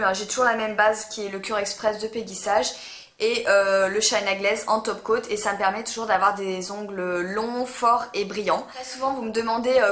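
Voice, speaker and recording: A woman's voice: on the high side, a bit bright. A woman vlogging casually to camera about nail polish, chatty and hesitant, often stumbling over her words. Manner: chatty, hesitant, full of "euh" fillers. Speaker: beauty vlogger. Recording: echoey room.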